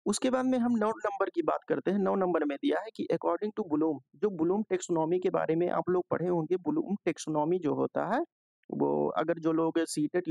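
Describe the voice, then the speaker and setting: A man teaching an exam-prep lesson, explaining each question in Hindi and slowing down to read the text aloud. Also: on the high side, gravelly, warm tone, dry recording. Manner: explanatory, repeats "ठीक है" and "जो है" often.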